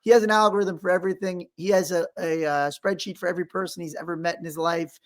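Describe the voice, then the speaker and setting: Speaking fast in a high, steady voice, a man co-hosts a podcast, chatting casually with a playful, teasing edge.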